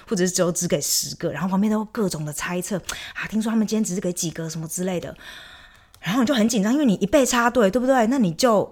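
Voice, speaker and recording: A young woman vlogger telling a story in casual chat, animated and indignant, acting out her arguments. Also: medium pitch.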